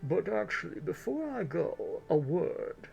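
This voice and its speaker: Slow, high, creaky old grandma. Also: sing-song, a little mellow, highs cut off, soft background music, heavily acted. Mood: knowing, grave. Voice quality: put-on grandma voice. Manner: slow, drawn-out, deliberate. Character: Sybil, elderly tea house proprietor, gracious, slow, knowing.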